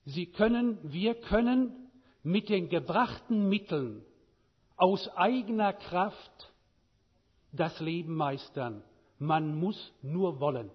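A man preaching a sermon, with a measured delivery and many rhetorical questions. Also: high voice, expressive, slightly rough, long reverb tail, lo-fi sound.

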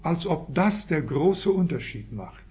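Preaching a sermon, a Swiss German-accented man speaks in a slightly high, sing-song voice at a somewhat slow pace. He hammers key phrases with abrupt loud climbs before dropping into hushed asides, all on a dull, lo-fi recording.

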